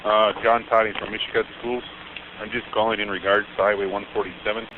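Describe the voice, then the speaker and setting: A man's voice: on the low side, little pitch movement, quick pace. A man calling a sheriff's office about school buses, talking plainly and informally, heard over a clipped phone line. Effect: clipped, tinny phone line. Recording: archived tinny phone call with hiss.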